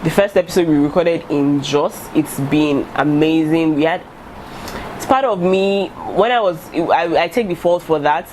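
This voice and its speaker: A young adult YouTuber with a Nigerian accent, Yoruba being her first language, talks candidly to camera in a casual vlog, full of fillers and restarts. Her voice is low, darkish and a little slow, picked up by a camera in front at head-and-shoulders framing in an indoor room before a striped curtain. The recording is low quality with slight background noise.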